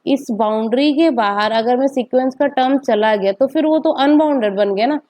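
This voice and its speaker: A woman with a high-pitched, darkish voice lectures on maths step by step at a moderate pace, often posing rhetorical questions and checking in with "okay".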